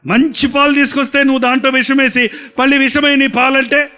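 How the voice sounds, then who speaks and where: A man's voice: very high-pitched, level tone, fairly quick, pushed and bright. A male pastor preaching a sermon, full of rhetorical questions and emphatic repetition.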